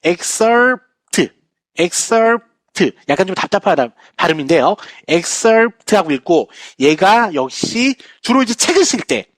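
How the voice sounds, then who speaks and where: Animated, high-voiced male lecturer. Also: no room sound. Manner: lively lecturing, frequent "자, 여러분" asides, playful jokes. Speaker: English vocabulary teacher. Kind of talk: recorded online lecture.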